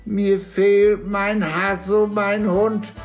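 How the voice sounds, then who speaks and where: A man voicing a crying small-town policeman in a told joke, high and loud. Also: level tone, drawn-out words, soft background music, heavily acted. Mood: tearful. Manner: high, loud, wailing punchline delivery.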